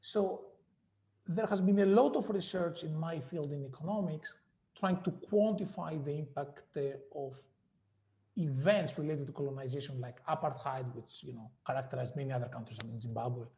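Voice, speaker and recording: A man, an economics professor, explaining his research in a measured interview manner with frequent fillers. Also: fairly high pitch, dark tone, roomy sound. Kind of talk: academic interview.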